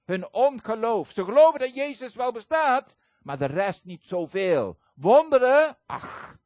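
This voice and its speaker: A man with a high, bright-sitting voice preaches in a lively, chatty way, stumbling over fillers now and then. He slips into the voices of the people he quotes as he tells his stories. The sound is dry and close, with no room around it. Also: measured pace, no room sound. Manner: animated storytelling, acts out quoted voices; conversational, frequent hesitations. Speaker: guest preacher. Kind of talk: sermon.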